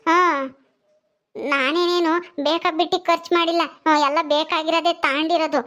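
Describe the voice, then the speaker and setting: A woman's voice: extremely high pitch, steady tone, a bit bright. A woman playing a tearful young village wife who pleads and pities herself, speaking. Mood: pleading. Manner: tearful, pleading, with many drawn-out "hmm"s.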